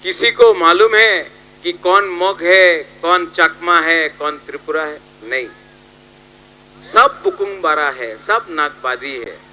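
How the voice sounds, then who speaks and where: A man speaking at a political rally, swinging between loud appeals and quieter asides to the crowd. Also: a little high, takes it slowly, low-quality recording. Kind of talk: rally speech.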